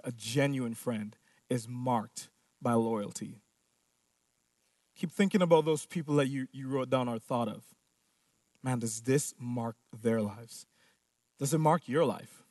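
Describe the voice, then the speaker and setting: A pastor with a high voice preaches a sermon, driving his points home by repeating phrases and firing off rhetorical questions. The recording is dry, and he's a little off the mic, fairly far from it.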